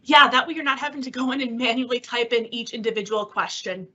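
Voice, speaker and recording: Over slightly dull online-meeting audio, a woman gives a conversational webinar explanation of a product as a technical presenter. She's informal, upbeat and encouraging, talking fast in a fairly high voice that is pushed, bright and slightly rough.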